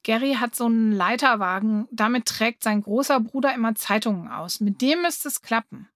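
A woman voicing a swaggering boy who leads a gang, loud and cocky. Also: a little high, normal speed, no room sound, clean studio sound, lightly acted. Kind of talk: audiobook reading.

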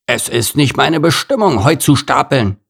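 Man voicing a circus gorilla, storybook, grumbling, gravelly, raised voice. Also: mid-range voice, big pitch swings, normal speed, a bit bright, pitched above the performer's own voice, full character voice. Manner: grumbling, complaining, pompous when speechifying. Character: grumbling overworked male circus gorilla, self-styled artist.

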